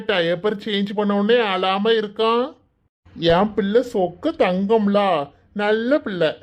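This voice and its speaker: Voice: medium pitch, muffled recording, lightly acted. A voice actor playing a doting, clumsy young village father in a cartoon, coaxing in a Kanyakumari Tamil accent. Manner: coaxing, gentle.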